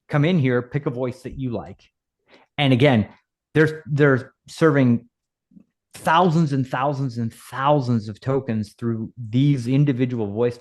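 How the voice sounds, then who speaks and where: A man hosting a casual software walkthrough, talking in a chatty way with frequent asides and filler words. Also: mid-range voice. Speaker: host.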